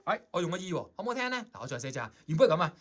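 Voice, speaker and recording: A man's voice: fairly high pitch, big pitch swings, rapid-fire, loud music behind the voice. A man with a Hong Kong Cantonese accent, teaching saxophone in a chatty way and often checking in with his students. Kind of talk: explaining a score in a music lesson.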